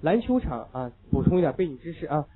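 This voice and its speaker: Brisk, emphatic male English teacher, tinny sound. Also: a little high, very animated, husky. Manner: emphatic, repeats key points, joking asides. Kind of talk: classroom lecture. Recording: tinny lo-fi phone-like recording.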